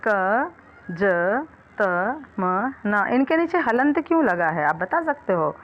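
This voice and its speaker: Female grammar teacher, asks and answers her own questions, muffled lo-fi sound. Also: a little high. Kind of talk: classroom lecture. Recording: dull lo-fi recording.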